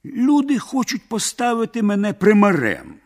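A man's voice: sits high, wildly swooping pitch, moderate pace, voice pushed up, heavily acted. Man reading as a sly peasant trickster.

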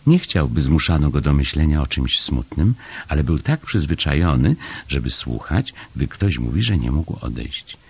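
A man narrating a children's storybook in a calm, measured and gently expressive way. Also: rumbling low, husky. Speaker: audiobook narrator.

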